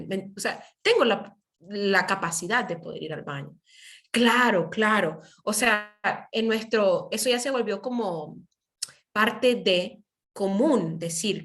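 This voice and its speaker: A woman teacher leads an online class through her computer mic, with a medium-pitched voice. She explains patiently and stops often to check that her students follow. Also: a bit bright. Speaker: English teacher. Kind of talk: online class, switching between English and Spanish. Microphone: computer mic on a video call.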